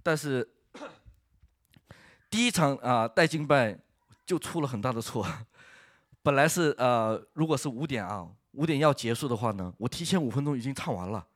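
A man of middle pitch gives an earnest church testimony, halting and restarting as he tells his story with bursts of laughter. The sound is dry and close, with no room echo. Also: lively intonation. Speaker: worship leader giving testimony.

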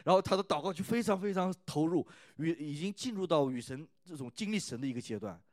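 A man's voice: on the high side, expressive, quick pace, no room sound, studio quality. A man preaching at a youth church service, who keeps asking the listeners "right?" and retells scripture in a conversational tone. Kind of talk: sermon.

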